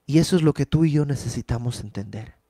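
A man's voice: medium pitch, quick pace, warm tone, no echo, studio quality. A man preaching a conversational sermon, explaining Bible verses with rhetorical questions and everyday examples.

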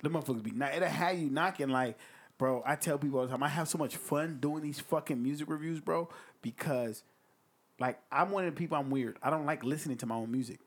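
A light-voiced man hosts a music review podcast, chatting casually and loosely with plenty of slang and swearing. His voice is on the high side, fast, and slightly rough.

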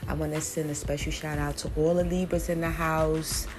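A woman's voice: deep voice, level tone, normal speed. A woman in her forties chatting casually with her viewers, rambling a little and using many fillers. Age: 40s. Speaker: vlogger and small business owner. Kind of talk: casual chat to camera. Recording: music playing behind her.

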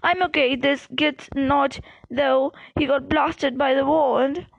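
A woman's voice: high voice, fairly even intonation, takes it slowly, creaky, highs cut off, noisy background, heavily acted. A woman reading as an anxious teenage boy. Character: frightened teenage boy wizard, steady friend.

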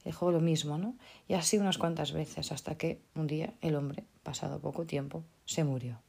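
Low, gravelly-voiced woman speaker. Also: steady tone, moderate pace, a little mellow. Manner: hesitant, with many restarts and tag questions. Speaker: motivational speaker. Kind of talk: unscripted motivational talk.

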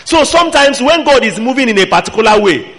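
A man's voice: very high-pitched, sing-song, fast, a bit bright. A man with a Nigerian accent preaching a sermon, emphatic and admonishing, putting pointed questions to his listeners. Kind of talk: sermon to a fellowship.

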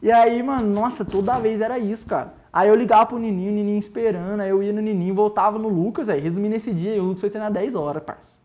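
A man's voice: high-pitched, steady tone, darkish tone. A man with a Brazilian Portuguese accent, co-hosting a podcast in casual chat and telling stories full of slang and jokes. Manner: slangy storyteller, quick and joking. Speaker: podcast co-host.

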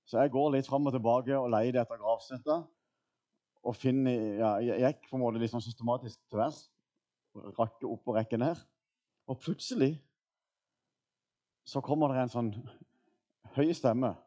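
A man in his thirties preaching a sermon in a church, telling a personal story in a relaxed way with many fillers. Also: medium pitch, highs cut off. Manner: casual storytelling with fillers and laughs. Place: church hall.

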